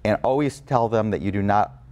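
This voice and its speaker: A man's voice: lowish voice, brisk, darkish tone. A man speaking as an attorney guest in an interview, explaining things informally in plain words, repeating for emphasis.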